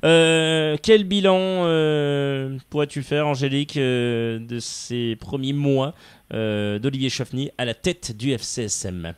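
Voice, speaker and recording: A man's voice: medium pitch, slow, smooth, no room sound. A male radio host leading a live sports talk show in a studio, playful and exclamatory, with lots of fillers.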